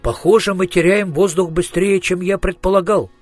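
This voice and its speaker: An absent-minded male genius inventor, musing and thoughtful, pausing on soft hums, his voice fairly high, as a man reads him. Storybook reading, music faint behind. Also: fairly even intonation.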